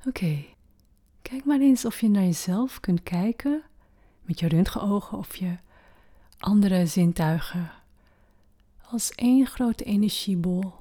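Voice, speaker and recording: Soft, mellow woman guiding a meditation. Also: mid-range voice. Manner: slow, gentle, with long pauses. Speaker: meditation guide. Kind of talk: guided meditation.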